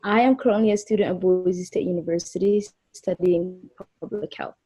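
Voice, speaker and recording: Young woman from Somalia, warm and breathy, measured co-host read, lo-fi sound. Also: lowish voice, steady tone. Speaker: event co-host. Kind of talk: scripted introduction. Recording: dull lo-fi recording.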